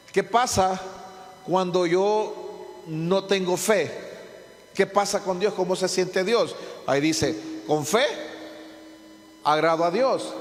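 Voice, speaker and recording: A man preaches in a high voice, leaning on rhetorical questions and repetition and often stumbling over his restarts. His sermon rings with a long hall reverb, as if from a church hall. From Honduras. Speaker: pastor.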